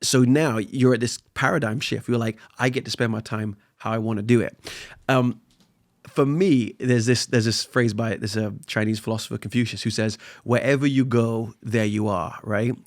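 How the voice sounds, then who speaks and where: A man's voice: medium pitch, steady tone, normal speed, dry recording, clean studio sound. A man guesting on a podcast, talking earnestly and motivationally, often repeating words as he thinks. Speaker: podcast guest, spoken word artist. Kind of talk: casual conversation.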